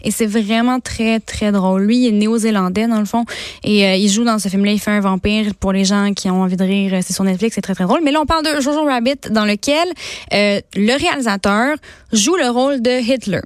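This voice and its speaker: A woman's voice: mid-range voice, fairly quick, smooth, no room sound. Quebecois lady chatting about movies, lots of euhs and bens, dry sound. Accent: Québécois. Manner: chatty, lots of hesitations and fillers. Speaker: culture columnist. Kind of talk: casual chat recommending films and series.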